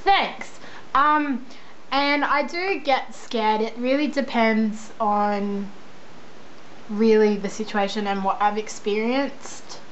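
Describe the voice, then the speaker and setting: Young Australian female vlogger, high voice, informal and rambling, dull lo-fi recording. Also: fairly even intonation, slow pace. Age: young adult. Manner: rambling, self-deprecating, informal. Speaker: vlogger answering viewer questions. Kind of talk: casual chat. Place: indoors at a computer. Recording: dull lo-fi sound, faint background noise.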